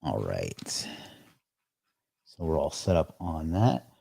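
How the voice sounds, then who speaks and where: A man with a very low voice hosts a casual live stream. He rambles and greets viewers by reading out their comments. The sound is dry and close, with no room around it. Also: wildly swooping pitch, slow pace, gravelly, warm tone, breathy edge, no room sound. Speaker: livestream host.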